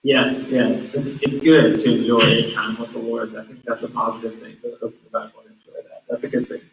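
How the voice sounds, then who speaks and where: A man's voice: medium pitch, animated, a little fast, vocal fry, slight background noise. A man hosting a youth group livestream, easygoing and encouraging, with frequent ums. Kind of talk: casual livestream chat. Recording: roomy room, mic at a distance.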